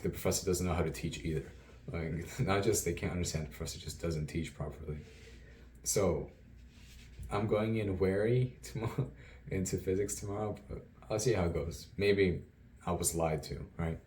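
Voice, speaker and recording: A man's voice: deep voice, normal speed, darkish tone, slight background noise. A young man, a university student, telling his day in a rambling, self-amused diary vlog, laughing often. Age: young adult. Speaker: student vlogger.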